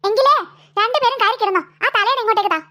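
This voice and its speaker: A weary cartoon mother scolds her squabbling daughters at bedtime. Her voice sits very high and bright, and her nagging comes out in a brisk, exasperated run. She sounds fed up but keeps on scolding. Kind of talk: cartoon voice acting.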